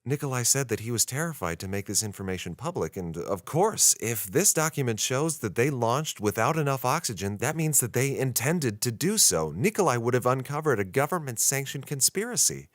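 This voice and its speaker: In a radio drama, an American man plays an earnest, frustrated 1960s reporter narrating a brooding audio diary in a matter-of-fact way. His medium-pitched voice swings widely in pitch and moves fairly quickly with few pauses. The natural-sounding delivery is recorded at studio quality with no room sound.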